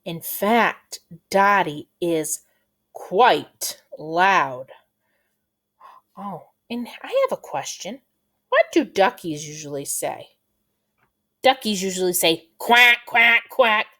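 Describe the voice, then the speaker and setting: Slow, animated woman teacher reading aloud. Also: on the low side. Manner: slow, expressive, drawing out words. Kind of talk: reading a picture book aloud to children.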